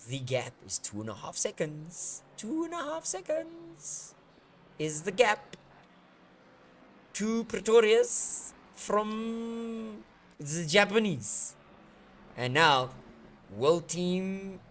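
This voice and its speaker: A man giving playful, excitable live commentary on a sim race, joking and swearing as the action unfolds. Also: on the high side, slight background noise. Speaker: sim racing commentator, streamer.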